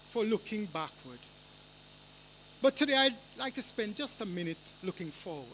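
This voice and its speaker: A man addresses a forum in a formal, measured speech. His voice sits high, and he slips in dry asides. A faint hiss of noise sits under the recording. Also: a bit bright, rough recording. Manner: measured, rhetorical, with dry humor. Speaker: university professor giving a speech. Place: lecture hall or forum room.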